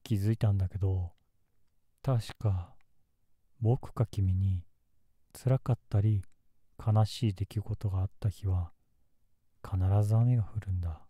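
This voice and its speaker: ASMR role-play casting: male actor as tender lovelorn young man, lowish and very dark-toned, soft, intimate, dry close recording. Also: steady tone, measured pace, pauses often, breathy edge, dry recording. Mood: gentle, musing. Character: gentle, melancholy young man secretly in love. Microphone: close ASMR microphone in a dry space.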